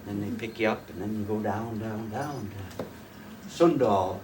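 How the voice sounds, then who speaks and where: An older folk fiddler from rural northwest North Dakota, his voice on the low side, casually tells family stories to a small audience in a room at a folk fiddlers' gathering. His talk rambles in a folksy way, full of pauses and restarts. The mic is distant, with faint room noise.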